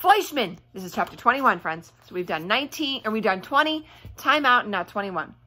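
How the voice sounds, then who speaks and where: Reading aloud to young listeners by the fireplace at home, a woman gives a children's story lots of expression, pausing for chatty comments and questions. Her high voice swings widely in pitch, runs a little fast, and sounds pushed and bright.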